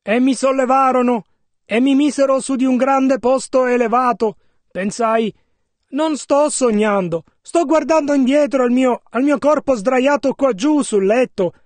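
A male interpreter carries a preacher's sermon over phrase by phrase with measured care. His voice is very high for a man, he speaks slowly, and the sound is close and dry. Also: dry recording. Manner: measured, careful phrase-by-phrase rendering.

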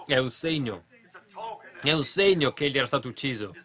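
A man preaching a sermon with fervent delivery, rising to loud declarations and dropping to quiet asides to the congregation. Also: medium pitch, lively intonation, a little fast, noisy background. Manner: keeps asking the congregation "capite?".

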